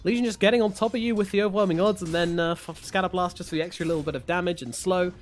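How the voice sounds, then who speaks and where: A man casting an esports match, jokey and given to loud bursts of excitement. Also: sits high, racing, slight background noise. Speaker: esports caster. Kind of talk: play-by-play commentary.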